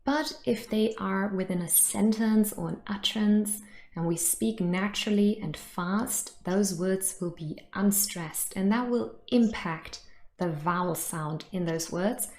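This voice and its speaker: A woman teacher explains pronunciation in a clear, measured way. She speaks slowly, and there is a noticeable echo from the room around her. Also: mid-range voice, a little mellow. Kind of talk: explanatory lesson.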